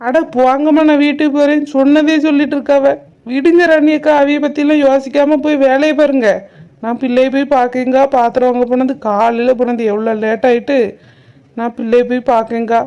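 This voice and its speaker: A woman voicing a blunt young village woman in a cartoon drama, briskly scolding and advising an older friend. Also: high-pitched, level tone, warm tone, muffled recording, natural voice.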